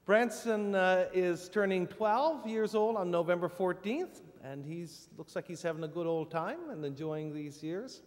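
A man giving casual church announcements from the front of a sanctuary, halting with many fillers. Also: high voice. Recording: long reverb in a church hall.

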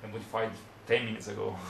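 A hobbyist demonstrator, a young man from Brazil in his twenties, explains a casual how-to in English, his second language, with a Brazilian Portuguese accent. Seated at a desk in a small room, he talks plainly and unhurriedly, searching for words. His lowish voice is level, gravelly and a bit bright, heard with reverb and slight background noise.

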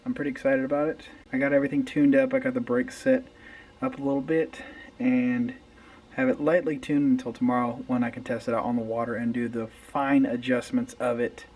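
A man's voice: medium pitch, brisk, recorded from a distance, low-quality recording. A man in his thirties chatting casually to camera about fishing gear in his home garage late at night, with fillers and restarts. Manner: relaxed, rambling with fillers and restarts. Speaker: fishing vlogger. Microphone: camera close in front, handheld at times.

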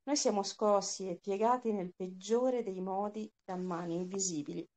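A woman voicing a wise, solemn male prophet, reading his lines in a measured, calm way. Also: mid-range voice, close to an everyday voice.

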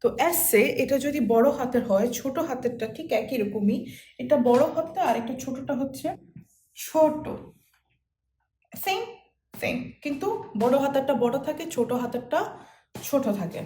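A woman's voice: high voice, normal speed, pauses often, warm tone. A woman teaching a language class in a casual way, patiently repeating sounds while she writes letters out. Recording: echoey room with faint noise.

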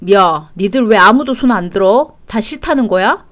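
A woman's voice: fairly high pitch, big pitch swings, normal speed. A woman voicing an angry, entitled middle-aged husband who talks indignantly in a read-aloud story. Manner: shouting, indignant.

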